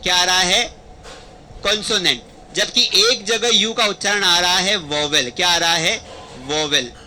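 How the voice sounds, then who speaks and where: Bright-voiced man teaching grammar. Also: high-pitched, slight background noise, poor audio. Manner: explains patiently, asks and answers his own questions. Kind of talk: classroom-style video lesson. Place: warm teaching room in front of a camera.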